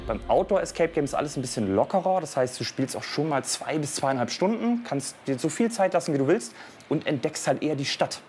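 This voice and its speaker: An enthusiastic man explains the outdoor escape games he runs in a relaxed, casual way. Faint music plays under his interview. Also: fairly high pitch, fairly quick. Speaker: game master.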